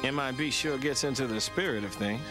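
An actor voicing a brash, wisecracking young secret agent in a cartoon, streetwise and slangy. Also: male voice, medium pitch, brisk, music in the background, natural voice. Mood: playful. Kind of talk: animated series voice acting.

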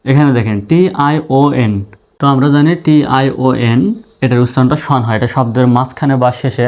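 A man's voice: medium pitch, darkish tone. Patient man teaching spelling. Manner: patient, spells letters out one by one and repeats. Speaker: English teacher. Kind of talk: spoken spelling and pronunciation lesson.

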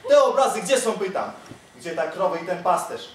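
A man's voice: high-pitched, expressive, moderate pace, a little hiss or hum. A student actor playing a quarrelsome peasant gardener who complains about his cheated dowry, recorded from far off on an echoey stage. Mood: complaining. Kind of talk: stage comedy acting.

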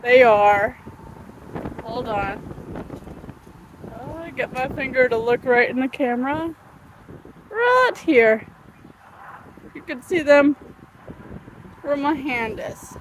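Walking through a sunny park, a woman in her thirties records a casual vlog on a phone held out at arm's length, her high voice full of lively intonation. She talks slowly and meanders, filling pauses with ums and uhs while hiccuping. The rough recording has a little hiss or hum.

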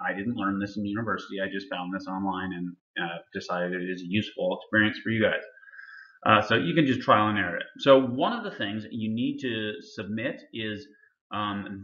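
A man's voice: fairly low pitch, a bit bright, reverberant, highs cut off. A male instructor casually talking students through a lab assignment, with many fillers. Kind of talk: recorded lab walkthrough lecture.

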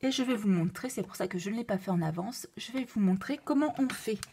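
A woman with a noticeable foreign accent, walking through a craft tutorial with many fillers and self-corrections, at times dropping to a soft whisper. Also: mid-range voice, fairly quick, slightly rough. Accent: non-native French accent. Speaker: card-making demonstrator.

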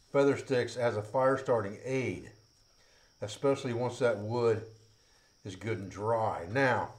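A man's voice: medium pitch, darkish tone. A middle-aged man, a bushcraft instructor, explaining in plain, practical words while he works with his hands, recorded by a camera a few feet away. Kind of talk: outdoor skills demonstration. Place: outdoors by woods, then an open-sided metal shed.

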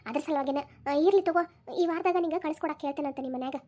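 A woman's voice: high-pitched, racing, warm tone, lightly acted. A woman voicing an older mother who comforts her daughters with soothing, practical words, in a Dharwad Kannada accent. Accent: North Karnataka (Dharwad) Kannada.

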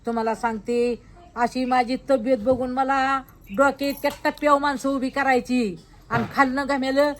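A woman's voice: sits high, level tone, moderate pace, a little hiss or hum. Older village woman, sayings-rich. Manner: earthy, full of old sayings. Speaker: village elder being interviewed. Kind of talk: casual chat.

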